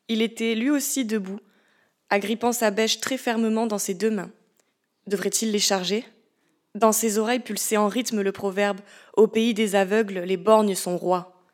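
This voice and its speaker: A woman narrating a story as an audiobook in a measured, steady reading voice. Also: mid-range voice.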